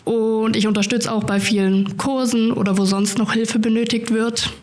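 A woman's voice: on the high side, level tone, normal speed, darkish tone. An eighteen-year-old woman volunteer describing her tasks in an orderly way in a casual interview.

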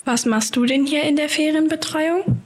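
A woman's voice: sits high, normal speed. A woman interviewing carers, asking short, polite questions.

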